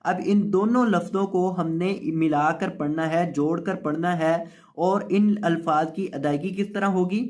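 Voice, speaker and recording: A man with a Pakistani Urdu accent and a darkish, high-sitting voice teaches Quran reading in a slow recitation lesson. He spells out letters and draws out every syllable.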